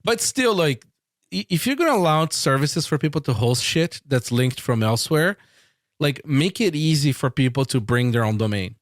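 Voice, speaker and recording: A man from Brazil, hosting a casual tech podcast, enthusiastic and quick to laugh. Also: a little high, lively intonation, dry recording, studio quality. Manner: enthusiastic, laughs often, repeats words. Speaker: podcast host.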